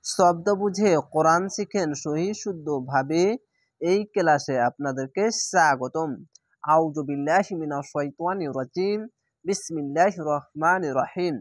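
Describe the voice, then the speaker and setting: A man's voice: on the high side, dry recording, clean studio sound. A man teaching Quran reading, spelling out syllables one by one and stretching recited words very long. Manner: slow, drawn-out spelling of syllables.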